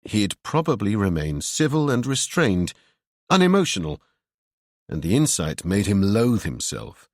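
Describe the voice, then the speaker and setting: Low-voiced man narrating horror. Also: big pitch swings, unhurried, darkish tone, no echo, clean studio sound. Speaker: audiobook narrator.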